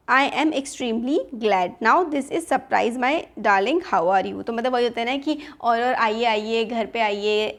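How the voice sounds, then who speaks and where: Indian lady teacher, bit high voice, reads english lines slow then explains in hindi. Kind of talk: line-by-line lesson explanation.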